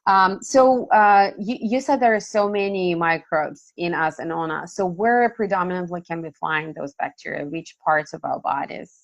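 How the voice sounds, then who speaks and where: Low-voiced woman hosting a chat. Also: moderate pace, few pauses, lo-fi sound. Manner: hesitant, restarts and fillers. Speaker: host. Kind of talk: casual interview hosting. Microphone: video call.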